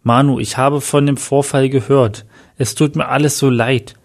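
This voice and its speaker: A man's voice: mid-range voice, steady tone, normal speed, gravelly, natural voice. A man reading as a spiteful estranged mother. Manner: cruel, falsely sweet.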